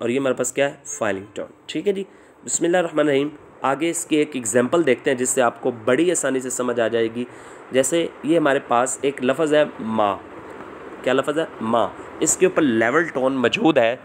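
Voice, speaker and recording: A man's voice: mid-range voice, moderate pace, a little hiss or hum. A man giving an online lesson over slides, asking questions aloud and repeating the answers. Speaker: language teacher.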